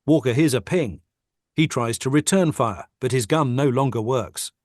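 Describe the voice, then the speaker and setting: A man's voice: medium pitch, moderate pace, dry recording, clean studio sound. A man reading the stage directions of a script steadily and matter-of-factly in a table read over a video call.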